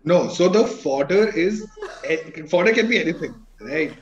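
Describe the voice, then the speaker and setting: A man with a slightly high, lively voice patiently walks through puzzle rules. He sounds like he is in a roomy space on a dull, lo-fi mic with faint ambient noise behind him. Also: normal speed, a crowd in the background. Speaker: guest crossword expert. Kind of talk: explaining in casual chat.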